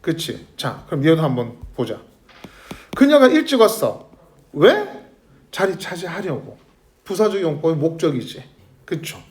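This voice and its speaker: Guy teaching english grammar to a class, high voice that jumps all over, keeps asking the kids questions. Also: unhurried, pauses often. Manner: lively, questioning students constantly. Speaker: middle school English teacher. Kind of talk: classroom lecture.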